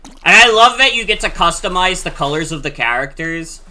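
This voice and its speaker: A man in his twenties, a streamer chatting casually while he plays, excitable and quick to swear. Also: high-pitched. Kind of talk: casual game-stream chat.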